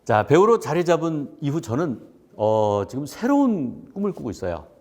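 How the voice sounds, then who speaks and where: A man in his fifties, an actor and acting teacher, telling his personal story in an expressive talk. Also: fairly high pitch, normal speed. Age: 50s. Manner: expressive, acts out quoted voices.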